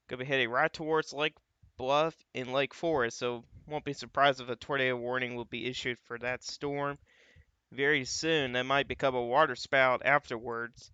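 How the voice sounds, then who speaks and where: A man hosts a live weather stream, talking through radar images in a loose, conversational way. His voice is bright and clear, with a dry, close sound. The audio is a little dull, like a home livestream mic. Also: mid-range voice, steady tone, moderate pace, no echo. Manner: casual, thinking aloud, frequent "uh" and "you got".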